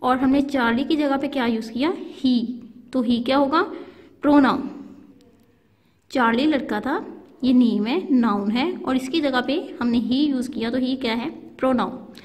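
A woman from Pakistan teaching a grammar lesson to young pupils, explaining slowly in mixed English and Urdu and checking often that they follow. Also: high voice, a little mellow, big-room sound. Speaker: school teacher.

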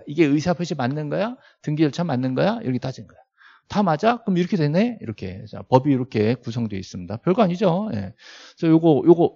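A middle-aged male law lecturer at a real estate agent exam prep academy teaches a classroom in a fairly high, gravelly, mellow voice that swings up and down. He frequently asks rhetorical questions, repeats key terms, and makes small joking asides to students. The recording sounds dull and lo-fi.

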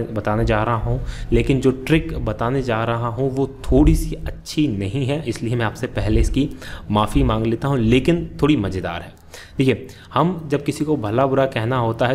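A man's voice: mid-range voice, darkish tone, a little hiss or hum. A man teaching an exam-prep grammar lesson, explaining step by step and asking and answering his own questions.

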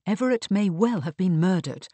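A man's voice: high voice, lively intonation, moderate pace, warm tone, no room sound. A man voicing a resourceful young woman who speaks politely but firmly and urgently. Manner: urgent, firm, composed.

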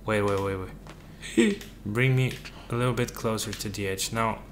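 A man's voice: fairly low pitch, steady tone, measured pace, a little hiss or hum. A man giving casual gameplay commentary, joking and talking to the game's characters as if they were his crew. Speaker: let's play gamer.

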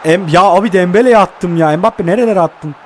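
A young man giving excitable live commentary while playing a mobile football game, groaning and cursing at it. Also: sits high, normal speed, a little hiss or hum.

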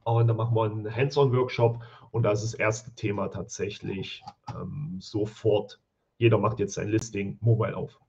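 A man's voice: fairly low pitch, steady tone, normal speed, gravelly, a little mellow, slightly rough. A man with a German accent hosting a live review of product listings, blunt and thinking aloud as he goes, recorded from a home office. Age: adult with school-age children. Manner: blunt, thinks aloud, mutters while counting. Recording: slightly dull, lo-fi stream audio.

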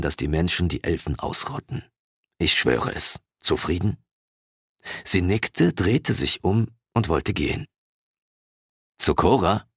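A man narrating a fantasy audiobook in the first person, his voice very low and deep. His delivery is slow and expressive, with a lively, wide-ranging melody. The audiobook recording is dry and close, with no room sound. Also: slightly rough, no echo.

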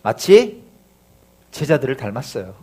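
A man's voice: mid-range voice, sing-song, unhurried, darkish tone, breathy edge. A male pastor preaching a sermon, throwing rhetorical questions at the congregation and acting out the voices of the people he describes.

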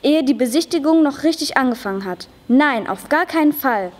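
Fussy, effusive little old chocolate maker read by a girl, high voice, echoing hall. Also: expressive, moderate pace. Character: lively, excitable small old male chocolate maker. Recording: long reverb of a school hall.

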